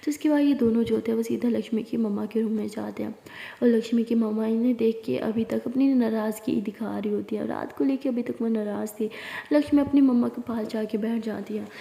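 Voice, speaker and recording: Gravelly-voiced woman telling a love story. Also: a little high, fairly even intonation, brisk, mellow. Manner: casual, conversational. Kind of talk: storytelling narration. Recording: echoey room with long reverb.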